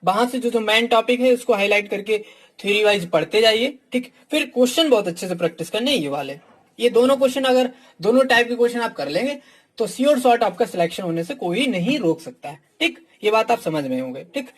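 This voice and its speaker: An expressive, high-pitched man speaks a little fast as he casually teaches, reviewing books for exam takers. Frank by nature, he drops "ठीक" into nearly every phrase and calls his students "my dear".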